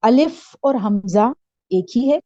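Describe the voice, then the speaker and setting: Patient woman teaching letters slowly. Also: fairly high pitch, expressive, warm tone, dry recording. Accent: Urdu-speaking Pakistani. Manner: patient, checks understanding often; slow drawn-out letter recitation. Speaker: Quran teacher. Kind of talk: classroom lesson. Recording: dull lo-fi sound.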